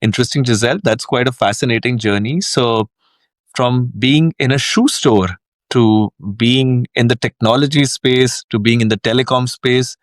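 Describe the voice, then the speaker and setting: Formal, measured male podcast host. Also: mid-range voice, no room sound, clean studio sound. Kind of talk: scripted introduction and interview questions.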